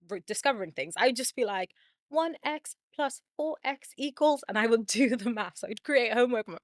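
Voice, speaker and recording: A chatty young woman therapist talks to camera at an everyday pitch, quick and loose, laughing between thoughts. The sound is close and completely dry, with no room around her. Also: no room sound. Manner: chatty, quick, laughs often, uses like a lot. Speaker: therapist and channel host. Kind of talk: casual talk to camera.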